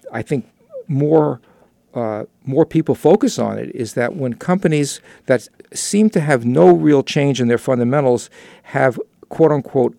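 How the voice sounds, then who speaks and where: A man with a gravelly, creaky voice and a dark, mellow tone co-hosts a finance talk show. He talks through articles conversationally, stumbling now and then over fillers and restarts. The sound is dry and close. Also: mid-range voice, dry recording. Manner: halting, with many fillers and restarts. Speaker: co-host of a personal finance show. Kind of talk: conversational discussion of news articles.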